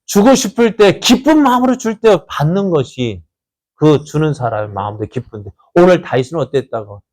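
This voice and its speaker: Korean pastor with a higher voice preaching. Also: male voice, big pitch swings, normal speed, darkish tone. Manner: asks the congregation frequent rhetorical questions; storytelling, conversational preaching. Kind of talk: sermon.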